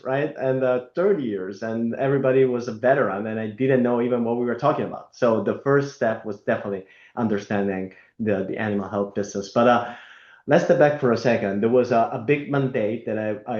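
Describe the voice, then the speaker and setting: A man from Italy, speaking as an interview guest in a halting way with many fillers and restarts. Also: medium pitch, darkish tone. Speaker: guest, company executive. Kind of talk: conversational interview. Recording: roomy, dull lo-fi remote audio.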